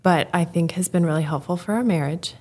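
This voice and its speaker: A woman's voice: lowish voice, a little fast, darkish tone, slightly rough. A tired woman co-hosting a casual chat, candid and playful as she shares stories and asks questions. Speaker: podcast co-host. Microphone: studio microphone.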